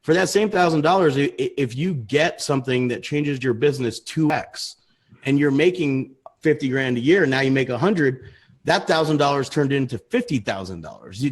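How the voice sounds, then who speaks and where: A man's voice: medium pitch, animated, brisk, breathy edge. A man in his thirties co-hosting a casual livestream chat, rambling and restarting his sentences. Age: 30s. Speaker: co-host.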